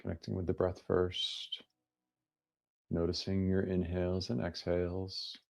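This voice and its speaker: A man with a deep, creaky voice leads a meditation over background music, speaking very slowly and in a monotone. Like a teacher giving soft instruction, he offers gently inviting phrases separated by long pauses.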